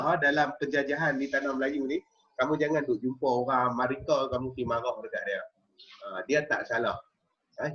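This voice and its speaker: A man's voice: medium pitch, a bit bright, dull audio. A man teaching a history lesson to a class, explaining step by step and often checking in with his students. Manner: explanatory, checks in with frequent "okey?" and "ha?". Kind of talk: classroom lecture.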